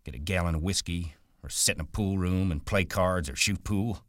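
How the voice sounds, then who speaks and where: A man's voice: low voice, no echo, studio quality, pitched above the performer's own voice, natural voice. George, a man voicing a hot-tempered worker. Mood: exasperated. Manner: scolding, exasperated, quick bursts.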